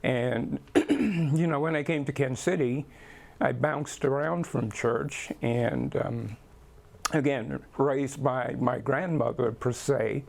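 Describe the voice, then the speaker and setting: An older man from the Bahamas speaks slowly, with a gravelly edge to his mid-range voice. He answers interview questions thoughtfully, pausing often and leaning on fillers. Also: mid-range voice, darkish tone. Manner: slow, thoughtful, with many pauses and fillers. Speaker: guest.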